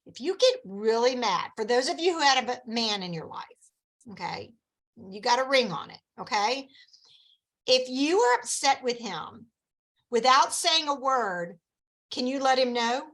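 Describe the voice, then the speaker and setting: A woman coaching her sales team in a lively, chatty, encouraging way, with folksy asides. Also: a little high, measured pace, poor audio.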